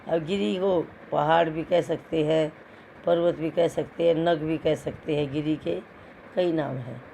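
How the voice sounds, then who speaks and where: A man's voice: a little high, steady tone, unhurried, creaky, mellow, a little hiss or hum, low-quality recording. A male primary school teacher giving a recorded lesson to young pupils, patient, repeating words and answering his own questions.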